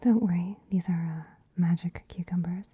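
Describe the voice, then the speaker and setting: A woman voicing a gentle, soothing female bunny spa attendant in an ASMR roleplay, whispering softly into a close microphone with a teasing, giggly manner. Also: on the low side, fairly even intonation, normal speed, slightly rough, dry recording, lo-fi sound. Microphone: close mic.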